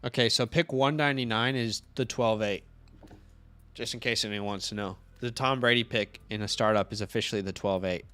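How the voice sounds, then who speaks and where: A man's voice: lowish voice, steady tone, a little fast, faint music behind. Rambling young man on a live draft stream. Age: 20s. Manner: rambling, thinks aloud, counts out loud. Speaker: co-host. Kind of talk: casual livestream chat.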